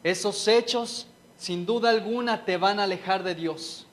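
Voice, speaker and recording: A man preaching a sermon and sharing a personal testimony, speaking earnestly and with deep feeling straight to his listeners. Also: normal speed.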